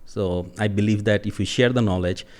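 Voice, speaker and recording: Bangladeshi man in his 40s, Bengali native, podcast guest; low, smooth and resonant; thoughtful, easygoing delivery. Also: fairly even intonation, a little fast, darkish tone. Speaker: podcast guest, agile coach. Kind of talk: casual interview conversation.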